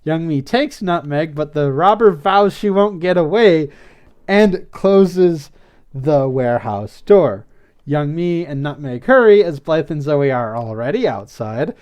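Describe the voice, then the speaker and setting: A man's voice: a little high, expressive, measured pace, darkish tone, clean tone. A man hosting a podcast, casually recapping a cartoon episode, rambling with frequent filler words and restarts and laughing often. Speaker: podcast host.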